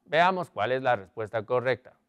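Male online teacher, animated rising voice, dry close recording, slow clear English examples, quizzes the class. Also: medium pitch, dry recording. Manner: explains in Spanish, reads English examples slowly; asks students questions often. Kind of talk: online grammar lesson.

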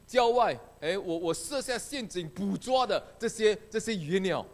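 Man voicing a young boy, blunt, matter-of-fact, high voice, bouncy pitch. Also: expressive, moderate pace.

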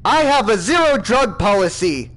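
A man with a high voice plays a bossy villain in a comedic game session. He keeps a mock-stern, exasperated tone, scolding his crew. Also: sing-song, moderate pace, fairly bright tone. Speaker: gamer playing a villain boss. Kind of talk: comedic gaming role-play.

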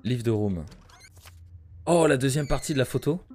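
Casual male game streamer, medium pitch. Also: expressive, moderate pace, a little mellow, slight background noise. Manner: muttering to himself and addressing chat. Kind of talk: casual live stream commentary.

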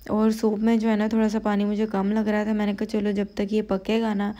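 A tired woman from Pakistan with a Pakistani Urdu accent, talking slowly and quietly through her cooking vlog voice-over at home late at night. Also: medium pitch, completely flat delivery, muffled recording. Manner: slow, quiet, unhurried talk, full of "you know" fillers. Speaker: vlogger.

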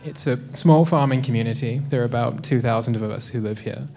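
A young man from South Africa stands with a handheld microphone and tells his story to a live audience. His pitch sits in the middle for a man. He keeps it relaxed and self-deprecating and often stops to say "um". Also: brisk, gravelly. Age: 20s. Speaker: speaker at a live talk event. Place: dim lecture hall with a projector screen.

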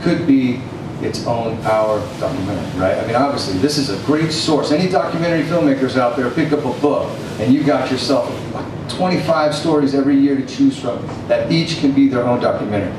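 A man's voice: mid-range voice, a little fast, hardly any pauses. A middle-aged man answering audience questions at a film screening, breezy and slangy, speaking into a handheld mic. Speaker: film panelist. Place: small cafe gallery with audience. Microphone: handheld mic, far camera. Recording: echoey room from far off, noisy.

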